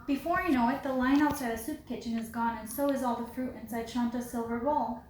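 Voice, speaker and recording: Teacher reading a picture book aloud. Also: female voice, fairly high pitch, brisk, a little mellow. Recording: roomy with faint background hiss.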